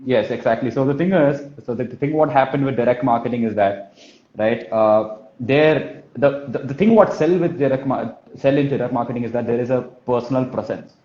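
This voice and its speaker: A man's voice: medium pitch, fairly quick, slight background noise. A man from Kerala with a Malayali accent, casually explaining sales as a business trainer and often checking in with short tag questions. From Kerala, India. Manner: repetitive tag questions like "right?" and "you know what I mean". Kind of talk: casual interview talk, explaining sales approach. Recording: dull, roomy, lo-fi online call.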